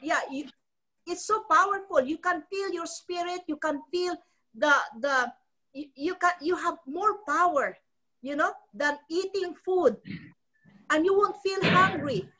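Her very high voice comes through bright and forceful, a little slow, on a low-quality recording. The Filipino network marketing trainer, middle-aged, preaches business motivation on a live call from her ornate home living room, phone mic near her face, with frequent repeats and restarts.

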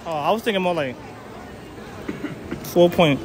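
A man's voice: sits high, measured pace, over a noisy crowd, very noisy. A young man running a joking street interview in a shopping mall, teasing and brash, talking into a handheld phone. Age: young adult.

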